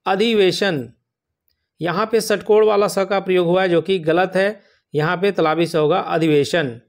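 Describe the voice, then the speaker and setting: A man with a fairly high voice takes learners through a spelling lesson for an exam. He explains slowly and patiently, and he says each word more than once so it sticks. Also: steady tone, creaky. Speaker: exam prep teacher.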